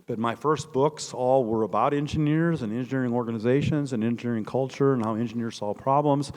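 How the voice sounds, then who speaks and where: This older man, a biographer from northeastern Indiana with a Midwestern accent, speaks briskly in a somewhat mellow mid-range voice. Fielding an audience question during a public talk, he spins emphatic, rambling stories. The large hall gives the recording a long echo.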